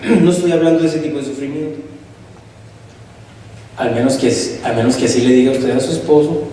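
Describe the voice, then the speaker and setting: A man's voice: medium pitch, steady tone, fairly quick, mellow, a little hiss or hum. A pastor preaching a sermon in a church hall. He tells stories and calls on the congregation to respond. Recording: echoey hall, far from mic.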